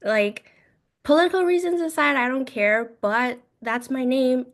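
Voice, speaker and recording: A woman in her twenties who grew up in China speaks English as a second language, in a fairly high voice. She tells her story in casual, halting phrases, leaning on "like" and "I was like" to quote herself. She is a podcast guest in a relaxed interview. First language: Mandarin. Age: 20s.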